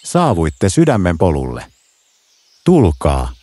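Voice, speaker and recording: A man voicing a sharp-eyed but kind male fox guarding a mountain path in a children's storybook, posing riddles calmly. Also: low voice, full character voice. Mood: pleased. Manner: calm, riddling.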